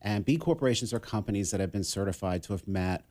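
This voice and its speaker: A middle-aged man from Massachusetts talks through his career as a guest on a radio show. His voice sits very low, and his delivery is relaxed and conversational, full of "um" and "you know.". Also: fast. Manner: relaxed, conversational, many fillers. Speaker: guest, business consultant. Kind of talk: casual radio interview.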